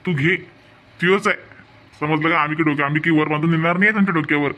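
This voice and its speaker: An old cartoon village father with a Varhadi Marathi accent, voiced by a man, fussy and placating. His voice is bright and a little raised, and he hurries through his words. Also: a little high, fast. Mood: pleading. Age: older. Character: old village father, tired peacemaker of the family. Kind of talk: cartoon voice acting.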